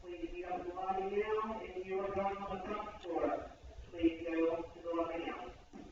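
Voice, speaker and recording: A man making formal school announcements over a public address loudspeaker, repeating each notice. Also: high voice, fairly even intonation, unhurried, slight background noise. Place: high school building. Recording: echoey lo-fi loudspeaker from far off.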